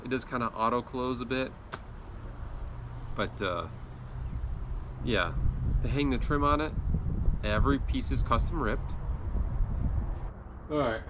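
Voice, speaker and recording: Talking slowly with long pauses, a home improvement vlogger in his forties casually lays out his work plans to camera, folksy and self-deprecating. He is a builder with a mid-range voice, filming outdoors and in an unfinished house with background noise around him.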